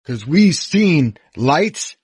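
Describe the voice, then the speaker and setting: A man's voice: fairly high pitch, very animated, drawn-out words, darkish tone, slightly rough, no echo. A man giving a rambling, swearing eyewitness account, describing what he saw as he points around him.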